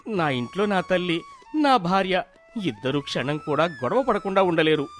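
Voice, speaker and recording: A man's voice: high-pitched, expressive, moderate pace, fairly bright tone, soft background music. A man playing a frazzled, pleading young farmer. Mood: frightened. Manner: pleading, exasperated, frightened. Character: distressed young farmer husband, weary and timid. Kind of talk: cartoon voice acting.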